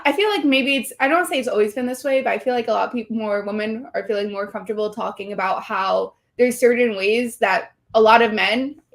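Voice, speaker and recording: This young streamer from Puerto Rico, a guest in a laid-back interview, speaks briskly with few pauses, her voice on the high side and her speech peppered with "like."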